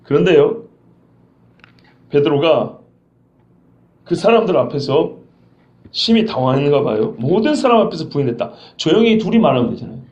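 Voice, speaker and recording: A man's voice: a little high, big pitch swings, moderate pace, pauses often, a little mellow. A male pastor preaching an expository sermon, acting out scenes and quizzing his congregation. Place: church sanctuary. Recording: roomy dull church recording.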